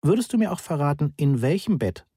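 Guy putting on a tense mom voice, icily polite and clipped, kinda husky. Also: a little high, sing-song, brisk, warm tone, no echo, clean studio sound, voice pushed up, exaggerated voice. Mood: coldly controlled. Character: tightly controlled worried middle-aged mother.

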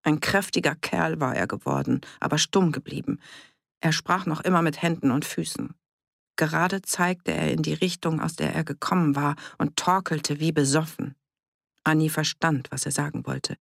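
A measured audiobook narrator with a gravelly, creaky voice. The reading is steady and scripted, recorded close in a dry booth. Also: mid-range voice, no room sound. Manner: even, measured storytelling.

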